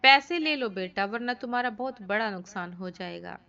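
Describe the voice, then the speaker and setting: A woman voicing a calm, kindly middle-aged husband who reasons mildly, in a storybook reading. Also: medium pitch, moderate pace, gravelly. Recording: dull lo-fi recording.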